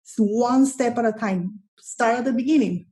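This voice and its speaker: A woman's voice: fairly high pitch, moderate pace, warm tone. A middle-aged woman from Colombia, a guest in an interview, talking enthusiastically and often repeating words as she searches for phrasing. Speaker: guest, content strategist. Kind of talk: casual interview talk.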